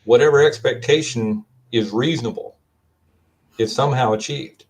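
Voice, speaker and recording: A man with a Kentucky accent, a guest on a video-call panel, speaking in a measured, storytelling way. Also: medium pitch. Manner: measured, storytelling, quotes advice he gives. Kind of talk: casual panel discussion.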